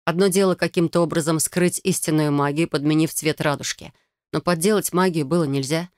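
A woman narrating a first-person fantasy novel in an expressive, emotional reading. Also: deep voice, brisk, no echo, clean studio sound. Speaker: audiobook reader.

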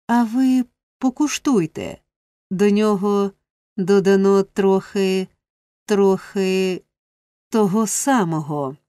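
A woman's voice: mid-range voice, slow pace, long pauses, warm tone, no echo, clean studio sound, lightly acted. A woman reading a storybook, voicing a fussy middle-aged matron who speaks breathlessly and theatrically. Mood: coy.

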